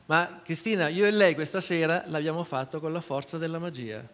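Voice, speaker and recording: A man's voice: on the high side, a little fast, fairly bright tone. A man performing as a stage magician, with theatrical showman patter. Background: audience crowd.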